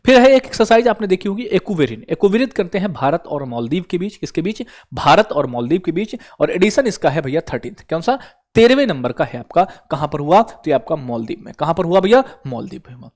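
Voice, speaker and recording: A man's voice: a little high, sing-song, fairly quick, a little mellow. A man teaching exam prep, who keeps asking the viewer questions and answering them himself. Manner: repeats questions to the viewer and answers them, calls listeners brother.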